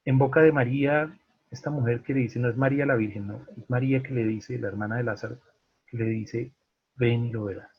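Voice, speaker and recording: A man leading an online Bible study, animated and asking the group questions, with a husky, breathy voice over a video call. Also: medium pitch, brisk, dull audio.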